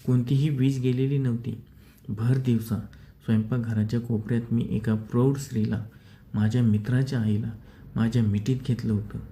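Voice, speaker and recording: A male storyteller reads a first-person story at a measured, steady pace. His voice is very dark and mellow, with a pitch in the ordinary middle range.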